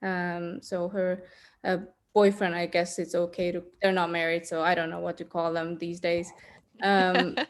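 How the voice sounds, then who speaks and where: A woman's voice: fairly low pitch, level tone, measured pace. A woman in her thirties from Estonia, a podcast guest speaking candidly and reflectively, with many ums. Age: 30s. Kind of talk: podcast interview.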